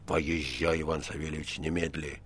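A man doing a quiet, grim financial director. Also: a bass voice, flat delivery, normal speed, husky, voice pushed down, full character voice. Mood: grim hush.

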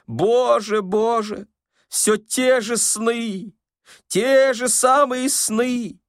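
A man voicing a frightened, tearful old man who wails and pleads in a shrill, drawn-out way. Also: very animated, a bit bright, no room sound, clean studio sound, full character voice. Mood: wailing. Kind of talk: audiobook character voice.

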